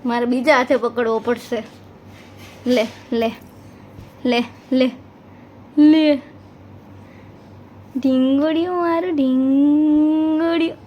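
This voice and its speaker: A woman's voice: sits high, steady tone, takes it slowly, pauses often, muffled recording, slight background noise. A woman with a Gujarati accent filming her baby on a handheld phone at home, cooing and teasing in sing-song baby talk.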